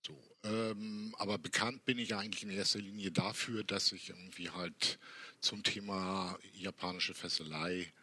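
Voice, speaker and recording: Older guy, really low rough voice, halting casual explaining as a guest. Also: steady tone, sharp tone. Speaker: podcast guest, workshop teacher. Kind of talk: casual interview chat.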